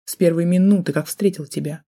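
A woman's voice: low voice, fairly even intonation, moderate pace, warm tone, husky. A woman doing a sneering, menacing drunk man. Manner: sneering, threatening, mocking.

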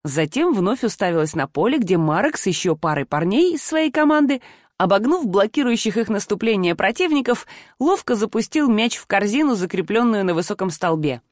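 Expressive woman audiobook narrator. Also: mid-range voice, fairly quick, dry recording, clean studio sound. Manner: expressive, acts out dialogue. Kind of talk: first-person audiobook narration.

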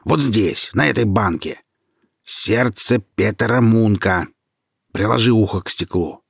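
A man reading aloud and voicing a sinister male forest sorcerer who bullies and gloats, loud and commanding. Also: fairly low pitch, creaky, breathy edge, dry recording, studio quality, exaggerated voice. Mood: angry, boastful. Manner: loud and commanding, turning to a slow menacing hush.

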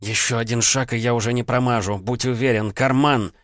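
A man's voice: mid-range voice, fairly even intonation, fairly quick, no room sound, studio quality, pitched above the performer's own voice, natural voice. A man voicing a furious, defiant young woman. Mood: commanding. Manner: sharp, commanding, snapping.

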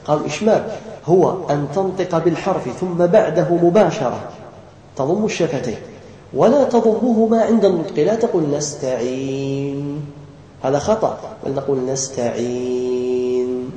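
A man from Algeria teaching Quran recitation rules to a class. He explains slowly, chants the example words and quizzes his students. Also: high-pitched, expressive, dark tone, reverberant, a little hiss or hum, low-quality recording.

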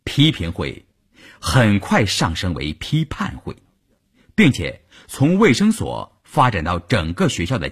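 A man narrating an audiobook novel in a dramatic, expressive reading style. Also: fairly low pitch, breathy edge. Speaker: storyteller.

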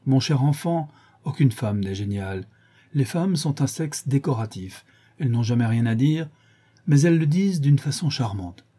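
Un homme jouant un lord cynique et ironique. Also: male voice, medium pitch, expressive, normal speed, warm tone, slightly rough, pitched above the performer's own voice. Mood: ironic. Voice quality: languid, drawling aphorisms. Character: witty cynical aristocratic gentleman, languid and ironic.

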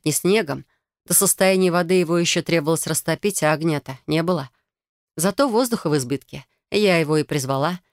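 A woman narrating a first-person fantasy novel in an expressive, emotional reading. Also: deep voice, no echo, studio quality. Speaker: audiobook reader.

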